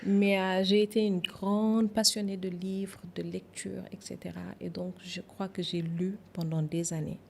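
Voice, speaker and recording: A woman from Senegal, a guest on a podcast interview, speaking in a reflective, measured way with some hesitations. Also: medium pitch, flat delivery, vocal fry, a little mellow, a little hiss or hum.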